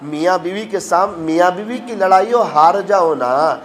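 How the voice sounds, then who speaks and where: A man preaching a sermon, telling moral stories with emotion and acting out the voices of the people in them. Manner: emotional, acts out quoted voices with rising pitch. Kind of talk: sermon with storytelling.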